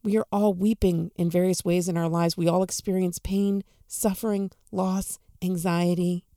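Gentle, earnest woman reflecting on a gospel. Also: lowish voice, level tone, normal speed, no echo, studio quality. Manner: earnest, encouraging, soft-spoken.

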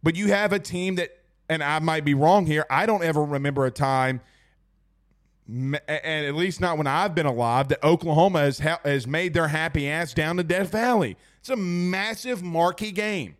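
A hoarse-voiced man hosts a casual sports talk show, reading viewer comments with excitable emphasis and repeating lines for effect. His voice is a little high, his pace moderate.

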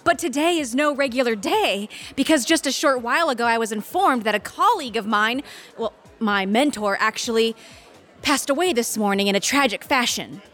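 A woman's voice: a little high, expressive, normal speed, a bit bright. A woman playing a flustered, formal lawyer. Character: anxious ambitious woman lawyer. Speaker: lawyer, senior associate. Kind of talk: audio drama acting.

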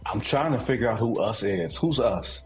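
A man from Detroit co-hosting a sports talk show, answering in a dry, guarded, deliberate way. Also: fairly low pitch, lively intonation, soft background music. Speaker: podcast co-host.

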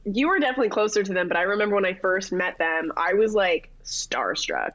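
A Canadian woman in her thirties, a TV sports reporter, guesting on a casual chat show and telling animated stories with quick laughs. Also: medium pitch, muffled recording.

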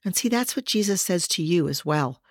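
Woman, low pitch, earnest devotional podcast host, addresses listeners directly, slows for emphasis. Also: lively intonation, no echo, studio quality. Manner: earnest, slows down to stress scripture.

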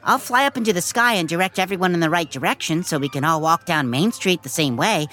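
A woman's voice: on the low side, lively intonation, fast talker, a bit bright, faint music behind. A woman playing an earnest, encouraging young male superhero in a children's audio story.

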